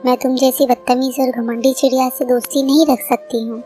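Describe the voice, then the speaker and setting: A sensible cartoon pigeon girl, earnest and polite, as a woman voices her. The voice sits fairly high, with soft background music. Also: level tone, fairly quick, close to an everyday voice. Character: kind, sensible young female pigeon friend.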